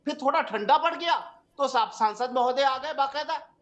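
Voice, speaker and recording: A man's voice: very high voice, moderate pace, a bit bright. A man speaking as a panelist in a TV debate, combative and lecturing. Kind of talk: heated political argument.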